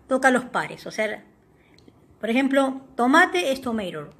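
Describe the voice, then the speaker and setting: A woman hosting a tutorial, walking viewers step by step through a language-learning app and pausing often to check they follow. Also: high-pitched, sing-song, a bit bright, husky. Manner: reads English words aloud for the viewer. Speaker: tutorial host.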